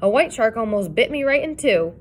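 A woman voicing a gruff old male sea captain with a gravelly, slow and ominous way of talking, read from a storybook. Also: on the high side, lively intonation, slight background noise, natural voice.

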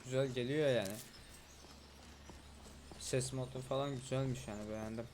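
A young man chatting through a fantasy game, relaxed one moment and shouting at enemies the next. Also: mid-range voice, moderate pace, noisy background. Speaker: gameplay streamer. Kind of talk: casual gameplay commentary.

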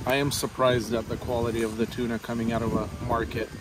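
A man reviewing food outdoors, heard from a distance over loud background noise. He is enthusiastic and comments on each bite as he eats. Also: medium pitch, little pitch movement, fast talker. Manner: enthusiastic, talks while eating. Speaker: food vlog host. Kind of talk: casual food review chat.

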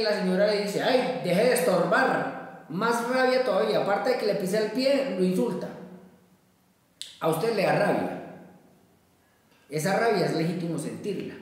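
Therapist, male, measured self-help talk, very reverberant room, set back from the mic. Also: high-pitched, darkish tone. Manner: measured, explaining with everyday examples and frequent "¿sí?". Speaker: therapist giving a daily exercise. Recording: very echoey, roomy, slightly distant from the mic.

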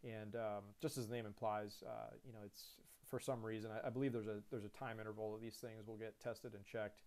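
A man in his thirties, an airline pilot, giving a relaxed screen-share lesson on cockpit controls, with lots of fillers and restarts. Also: lowish voice, a little fast.

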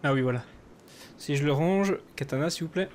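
Chatty gamer over rainy game sound. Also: male voice, on the high side, a little fast, slight background noise. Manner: chatty, rambling with many fillers, bursts into loud excited shouting. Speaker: gaming YouTuber. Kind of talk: solo survival game let's play commentary.

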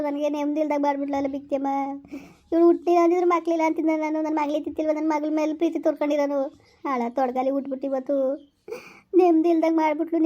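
A sorrowful village woman, played by a woman in a rural family drama, lamenting her loss and scolding and soothing her relatives in turn. Her voice sits high and the words tumble out quickly. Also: a little mellow, muffled recording, natural voice.

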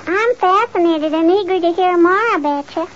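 A woman's voice: very high-pitched, moderate pace, a little hiss or hum, pitched above the performer's own voice. A woman voicing a sassy, innocent little girl neighbor in a 1940s radio comedy, heard on a dull old broadcast recording. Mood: innocent, cheeky. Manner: innocent, cheeky, wisecracking.

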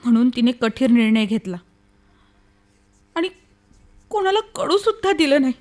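An actress in an old-style radio play as an anguished young woman grieving for her sister, speaking in an emotional, halting, dramatic way. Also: high voice, animated, a little mellow. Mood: sorrowful. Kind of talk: radio play acting, old radio show manner.

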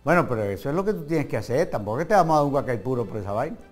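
A man's voice: medium pitch, animated, faint music behind. A man with a Venezuelan accent hosting a comic TV talk show, reading word trivia in a playful, teasing way. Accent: Venezuelan Spanish. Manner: playful and teasing, jumps between fast asides and slow stressed words. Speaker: TV show host.

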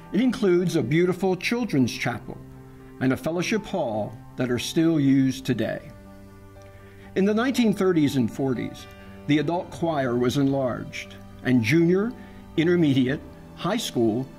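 A man giving calm, measured scripted narration for a church history documentary. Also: medium pitch.

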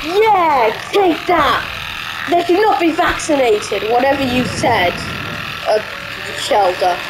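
A young woman doing excitable, playful let's-play commentary, taunting the enemies she fights. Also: high voice, slow, noisy background. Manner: excitable, playful trash-talk at game enemies. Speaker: gaming YouTuber. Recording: game music playing behind. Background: game music.

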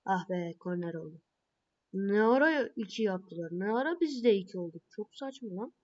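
A woman playing a mobile football game, calling her own plays and reacting with excited and frustrated outbursts. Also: medium pitch, normal speed, highs cut off.

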